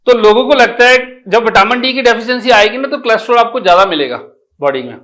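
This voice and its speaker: A middle-aged man, an Ayurvedic doctor explaining health advice in an animated, explanatory way. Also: very high-pitched, quick pace. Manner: animated, explanatory, with homely personification.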